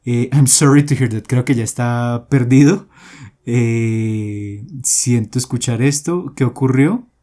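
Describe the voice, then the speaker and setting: A man giving a coding tutorial, explaining step by step in a steady voice with many fillers and restarts. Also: mid-range voice, takes it slowly. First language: Spanish. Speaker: programming tutor. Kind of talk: screen-recorded coding tutorial.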